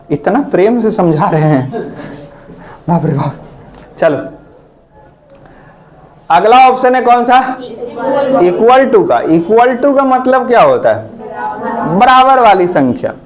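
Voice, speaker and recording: A man teaches a computer class in a classroom. He talks in a chatty way, teases his students, and keeps turning questions back to them. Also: high voice. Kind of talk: live classroom lesson.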